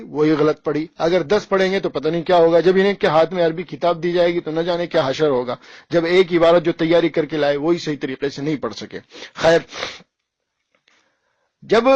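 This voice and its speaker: A man's voice: sits high, dry recording. A man, an Islamic cleric delivering a scornful, challenging polemical rebuttal full of rhetorical questions. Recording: dull lo-fi dry recording.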